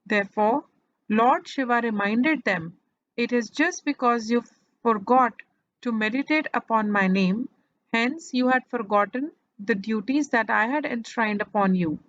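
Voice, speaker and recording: A woman, reading and retelling a religious scripture in a measured devotional narration with deliberate pauses. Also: on the high side, fairly bright tone, no echo, dull audio. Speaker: scripture reader.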